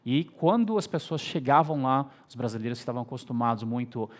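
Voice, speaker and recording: A man from Brazil giving a measured, explanatory business presentation as a guest speaker. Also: medium pitch, expressive. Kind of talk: stage presentation.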